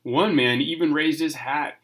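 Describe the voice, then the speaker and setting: A man reads a storybook aloud to kids in a bright, forceful voice. He acts out the story for his young listeners, occasionally tripping on a word and going back over it. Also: a little high, unhurried. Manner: stumbles over words and rereads them. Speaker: storybook reader.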